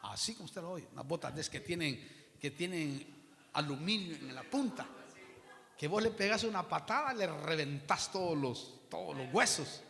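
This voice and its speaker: A man's voice: fairly high pitch, animated, moderate pace, gravelly, a bit bright. A man preaching in a church, telling a personal testimony and acting out quoted exchanges. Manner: storytelling, acts out quoted exchanges. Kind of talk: sermon testimony. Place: church hall. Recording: reverberant church hall.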